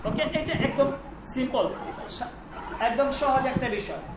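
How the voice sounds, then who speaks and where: A man's voice: extremely high pitch, animated, normal speed. A man teaching an online language class, patiently repeating sounds and checking that students follow. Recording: echoey room with clear noise.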